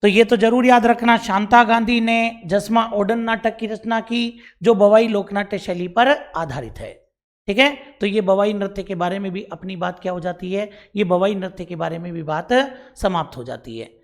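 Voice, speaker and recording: A man with a Rajasthani accent giving an exam-prep lesson, repeating key points and asking then answering his own questions. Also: sits high. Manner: addresses viewers as bhaiya and bhai sahab. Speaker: teacher.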